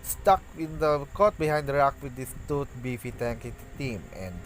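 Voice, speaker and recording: An esports caster practices play-by-play for a match, his mid-range male voice halting and restarting often, then bursting with excitement on big plays. Faint music plays behind him.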